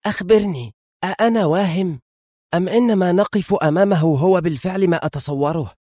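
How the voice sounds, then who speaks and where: A man voicing a timid young male agent trainee who speaks in a hesitant, tense hush. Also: medium pitch, brisk, no room sound, studio quality, close to an everyday voice. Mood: awed, tense.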